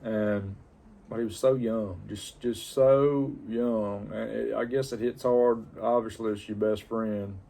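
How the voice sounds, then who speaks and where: A man telling a personal story casually, in a plain-spoken, halting, reflective way. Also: on the low side, fairly even intonation, vocal fry, warm tone. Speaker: pipe-smoking vlogger.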